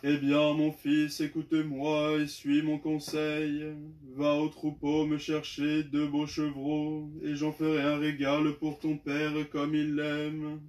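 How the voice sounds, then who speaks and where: Scheming mother, read by a man in a monotone, slow scripture reading. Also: on the high side. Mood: earnest. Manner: flat, measured liturgical reading. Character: woman, a scheming mother urging her son.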